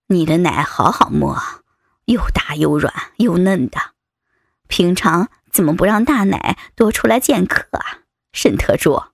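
A woman's voice: expressive, a little slow, vocal fry, slightly rough, no echo, full character voice. A woman voicing a lecherous male vice president in an audio story, speaking in a mocking, teasing tone. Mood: leering. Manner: mocking, teasing, low-voiced. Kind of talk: erotic audio story reading. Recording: dry close recording.

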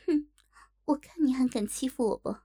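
A woman's voice: high voice, moderate pace, warm tone. A woman narrator voicing a coy, sulky young woman who pouts and scolds. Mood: pouting. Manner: pouting, coy.

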